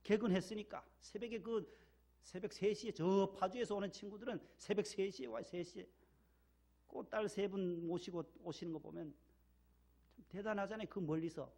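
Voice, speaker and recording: Male Korean pastor, slightly high gravelly voice, emphatic repeating sermon delivery. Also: moderate pace, dark tone. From Gyeongsang region, Korea. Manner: emphatic, repeats key words, leads call-and-response. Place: church sanctuary.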